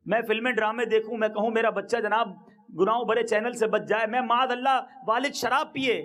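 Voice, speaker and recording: A man preaching a sermon in an emphatic, exhorting way, his pitch swinging up and down. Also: fairly bright tone.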